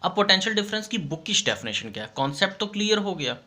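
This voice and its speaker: Male teacher, bright and patient. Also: sits high, big pitch swings. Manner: reads textbook definitions slowly. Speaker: science teacher. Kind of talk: online classroom lesson.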